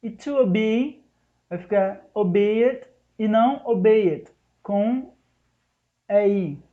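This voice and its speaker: A man teaching an English lesson in Portuguese, explaining each rule step by step and slowing down to spell out the English examples. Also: high voice. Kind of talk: recorded online lesson. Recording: dull lo-fi recording.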